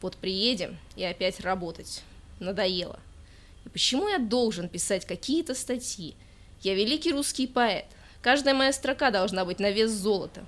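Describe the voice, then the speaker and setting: A woman voicing a drunk, self-pitying young male poet who rants in a loud, drawn-out, whiny way. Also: mid-range voice, animated, lightly acted. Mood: pompous sulking.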